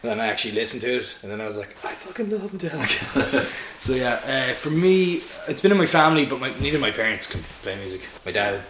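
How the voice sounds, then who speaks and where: A man's voice: medium pitch, animated, fast, hardly any pauses. A man with a west of Ireland accent, chatting casually in an interview in a jokey, sweary, anecdotal way. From Sligo, west of Ireland. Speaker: band member being interviewed. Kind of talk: casual chat. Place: indoors on pub or venue premises. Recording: roomy echo, faint noise and clicks.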